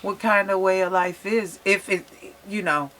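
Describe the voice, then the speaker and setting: A man's voice: sits high, fairly even intonation, normal speed, bright, forceful tone, poor audio. A man co-hosting a casual interview, putting questions in a wordy, roundabout way. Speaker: interviewer and co-host.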